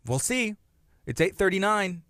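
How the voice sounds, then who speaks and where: A man in his thirties co-hosts a live morning radio show from a studio, speaking into a studio microphone with a high, sing-song, slightly bright voice. He's upbeat and chatty, unhurried, laughing often and restarting phrases in casual live radio banter. The recording is dry.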